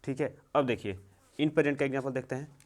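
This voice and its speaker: A young man teaching English grammar in a slow, repetitive way, checking in often. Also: mid-range voice. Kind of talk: classroom-style grammar lesson.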